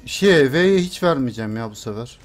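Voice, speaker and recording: A man's voice: mid-range voice, expressive, moderate pace. A young man streaming a video game, muttering and cursing to himself, then shrieking in panic when chased. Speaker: gameplay streamer. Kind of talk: live game commentary.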